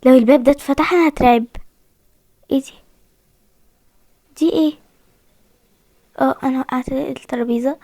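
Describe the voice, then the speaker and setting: Chatty young Egyptian woman, high voice. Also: steady tone, a little fast, long pauses, warm tone, dry recording, studio quality. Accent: Egyptian Arabic. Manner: chatty, talks to viewers while playing, often frightened. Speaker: gaming video host. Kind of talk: casual game commentary.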